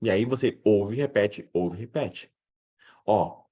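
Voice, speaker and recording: A Brazilian man leads a live English lesson, acting out his students' questions as he goes. His voice sits low with a husky edge and leaps around a lot. The sound is dull and lo-fi. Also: measured pace. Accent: Brazilian Portuguese. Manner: animated, acts out student questions. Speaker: English teacher.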